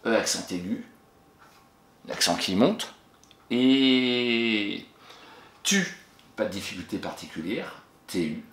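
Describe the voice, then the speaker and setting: A man teaching a young child, spelling words slowly letter by letter and warmly praising answers he pretends to hear. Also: lowish voice, lively intonation. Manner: encouraging, talks to an absent pupil and pauses for answers. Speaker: primary school teacher. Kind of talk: recorded spelling lesson for a child. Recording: echoey room with faint noise.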